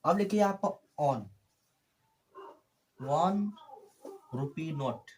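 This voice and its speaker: Animated man teaching grammar. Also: on the high side, drawn-out words. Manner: repetitive, addresses viewers as friends. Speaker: English tutor. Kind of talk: classroom grammar lesson.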